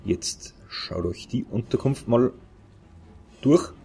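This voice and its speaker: A man giving casual let's play commentary, musing to himself in an unhurried way. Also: mid-range voice, vocal fry, mellow. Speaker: let's player.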